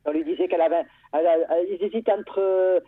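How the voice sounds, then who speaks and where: Fast-talking woman on a tinny phone line. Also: fairly low pitch, husky, no room sound. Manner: lively, with frequent restarts. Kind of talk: telling a personal story.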